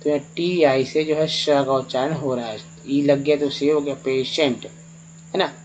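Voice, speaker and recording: A man's voice: medium pitch, steady tone, normal speed, a little mellow, soft background music, low-quality recording. A man teaching English reading over slides, patiently spelling words letter by letter and asking then answering his own questions. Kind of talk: spoken lesson over slides.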